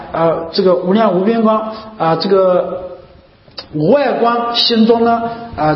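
A man giving a Buddhist dharma talk, repeating phrases and asking rhetorical questions. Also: high voice. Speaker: Buddhist teacher. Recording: echoey hall, dull lo-fi sound.

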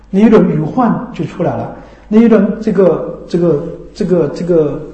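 A man's voice: dark tone, roomy sound, low-quality recording. A man giving a Buddhist dharma talk, often asking "right?", his voice rising and dropping. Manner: rhetorical, keeps asking "right?"; swings between raised and dropped pitch and volume. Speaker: Buddhist teacher.

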